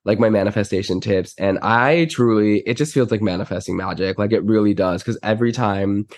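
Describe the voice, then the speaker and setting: Male podcast guest, lowish stuffy-nosed voice from a cold, slangy emphatic casual chat, dry sound. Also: fairly quick, no room sound. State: sick, congested stuffy nose. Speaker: podcast guest, celebrity stylist.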